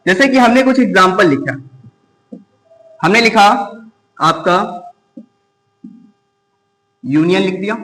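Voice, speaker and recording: A male teacher giving an exam-prep grammar lesson, asking questions and answering them himself, repeating key words slowly. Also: sits high, a bit bright, long reverb tail, poor audio. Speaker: English teacher.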